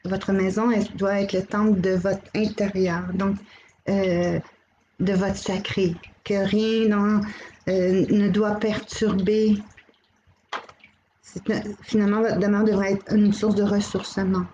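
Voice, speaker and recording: A middle-aged woman with a Québécois accent, hosting a live channeling stream, gently relaying messages and greeting viewers by name. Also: mid-range voice, level tone, takes it slowly, lo-fi sound, a little hiss or hum. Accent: Québécois French. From Quebec.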